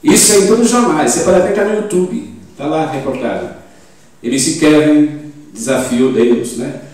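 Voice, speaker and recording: A man in his seventies with a Brazilian accent, preaching a sermon with emphatic loud rises and rhetorical questions. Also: on the high side, normal speed. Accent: Brazilian Portuguese. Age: 70s. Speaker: pastor. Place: church in Portugal. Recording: very echoey church hall, mic at a distance.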